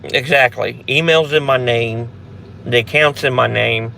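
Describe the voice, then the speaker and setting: A man's voice: mid-range voice, measured pace, vocal fry, sharp tone, a little hiss or hum. A man hosting a casual live Q&A for a paranormal channel, talking in a rambling, blunt way with frequent restarts and some swearing.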